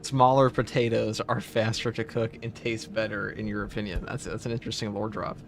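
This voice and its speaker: A man's voice: on the low side, fairly quick, background noise. Laid-back man streaming a game. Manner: relaxed, rambling, many "like" fillers. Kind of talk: casual livestream commentary answering chat. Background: game music and sound effects.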